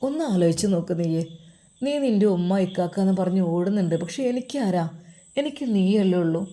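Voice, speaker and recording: A woman putting on a tender young man in a spoken storybook, pitched lower than her own voice and kept quiet and mellow. He coaxes and reassures in a soft, patient murmur. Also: animated, fairly quick, close to an everyday voice. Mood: soft coaxing. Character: gentle young male caretaker soothing a girl.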